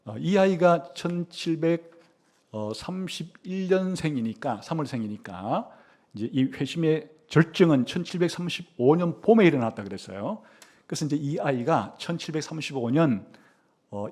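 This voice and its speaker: A middle-aged male pastor preaching a storytelling sermon, acting out the voices in the story, with many "uh" fillers and soft trailing endings. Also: medium pitch, husky. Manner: animated storytelling, acting out a child's and mother's lines.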